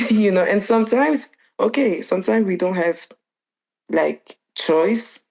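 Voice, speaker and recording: A woman's voice: mid-range voice, lively intonation, slow pace, vocal fry, a little mellow. A young woman from Belgium, a dancer and choreographer, chatting loosely as an interview guest, with frequent restarts and fillers. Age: young adult. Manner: loose and searching, full of restarts and "like". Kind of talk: casual interview chat.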